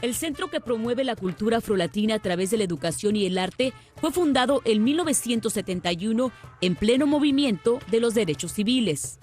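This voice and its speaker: A woman's voice: fairly high pitch, lively intonation, brisk, over music. A woman reporter reading scripted narration for a television news feature.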